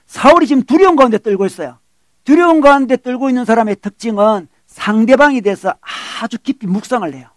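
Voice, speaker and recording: A middle-aged male pastor preaching a sermon in Korean, animated, acting out quoted lines and checking in with the congregation. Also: extremely high pitch, quick pace, no room sound.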